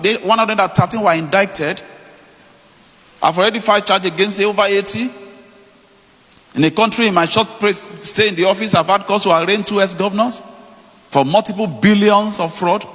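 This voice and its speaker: A man with a Nigerian accent delivers a public address in a high-pitched voice. He is emphatic, repeating phrases for rhetorical weight. His words ring with the long reverb of a hall. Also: moderate pace, fairly bright tone. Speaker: public official giving a speech.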